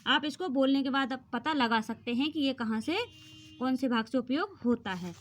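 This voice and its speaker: A woman's voice: sits high, normal speed, slight background noise. A woman teaching a grammar lesson for exam preparation, patiently explaining and sounding out vowels aloud.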